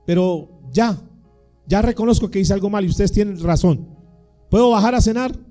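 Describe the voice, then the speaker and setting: A man's voice: sits high, normal speed, dark tone, faint music behind, pitched above the performer's own voice, lightly acted. A man voicing an eleven-year-old boy who sulks and then begs his father for forgiveness. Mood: pleading. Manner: whiny, begging.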